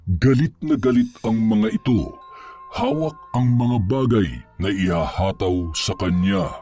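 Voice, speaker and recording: A man narrating a scripted horror story in a measured, suspenseful storytelling manner. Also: fairly low pitch, darkish tone.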